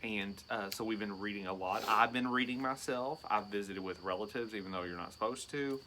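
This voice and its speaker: A man in his thirties co-hosts a relaxed chat, ribbing his partner with jokes. His voice sits on the low side but comes out bright and forceful. A faint hum runs underneath. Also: a little fast. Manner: teasing, joking banter. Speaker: teacher and podcast co-host. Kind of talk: casual chat.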